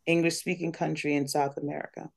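A woman's voice: low-pitched, level tone, quick pace, gravelly. Woman from Guyana, foundation CEO. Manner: earnest, speaks of blessing and collaboration. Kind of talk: interview guest.

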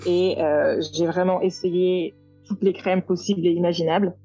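A woman's voice: on the low side, flat delivery, moderate pace, warm tone, faint music behind. Hesitant woman in her thirties, lo-fi. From France. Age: 30s. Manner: hesitant, many fillers. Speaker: guest, skincare founder. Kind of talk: podcast interview.

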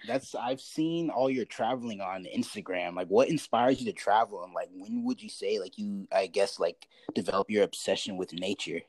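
A man's voice: fairly low pitch, normal speed, hardly any pauses, darkish tone, no room sound. A man hosting a podcast, chatting in a laid-back, slangy way with many fillers. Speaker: podcast host. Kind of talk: casual interview.

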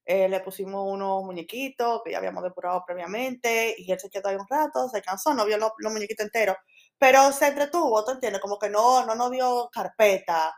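Brief: woman, relaxed co-host, mid voice, pauses with fillers. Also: medium pitch. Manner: measured, hesitant with fillers, clears throat. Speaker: podcast co-host, mother of three. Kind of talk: casual chat.

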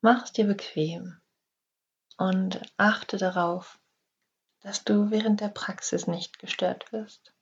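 A woman leads a guided relaxation in a very breathy, husky half-whisper. She speaks slowly and gently, with a gravelly fry at the ends of her phrases. The recording sounds slightly dull. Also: medium pitch, steady tone. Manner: slow, soft, half-whispered instructions. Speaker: yoga nidra guide.

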